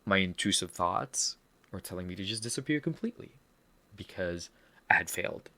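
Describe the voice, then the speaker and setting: A Filipino-accented man hosts a podcast, talking candidly and earnestly about a personal setback with some self-deprecating humor in a reflective monologue. His voice is low and expressive, with a bright, forceful tone at a moderate pace.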